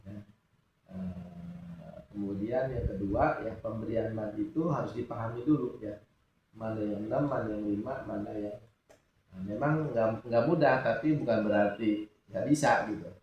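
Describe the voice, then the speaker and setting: Male religious teacher, lowish voice, quizzes students as he goes, echoey distant recording. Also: moderate pace, slight background noise. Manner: asks students questions and lets them answer. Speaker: Quran recitation teacher. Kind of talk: informal religious lesson. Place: mosque study hall. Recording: echoey room, distant mic, dull sound.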